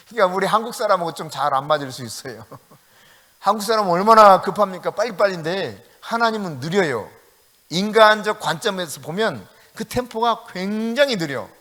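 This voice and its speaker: A high, bright male voice swings widely in pitch as a middle-aged pastor from South Korea preaches at an evening prayer meeting, bursting into acted-out prayers and laughing often. His voice rings with the long reverb of a church sanctuary. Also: moderate pace. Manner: animated preaching, acts out prayers and quoted speech with rising emphasis.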